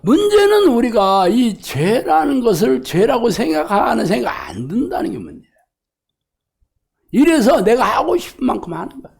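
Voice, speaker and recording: Animated, gravelly-voiced male preacher. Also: extremely high pitch, normal speed. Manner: animated and colloquial, acting out quoted voices, laughing. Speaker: pastor. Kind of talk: lively sermon. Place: church or hall.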